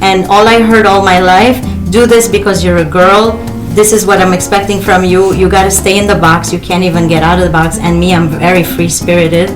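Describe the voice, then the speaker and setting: A woman's voice: on the low side, flat delivery, brisk, hardly any pauses. A woman from Lebanon, a teacher, speaking earnestly and encouragingly in a casual panel talk. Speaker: teacher guest. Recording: echoey room with music behind.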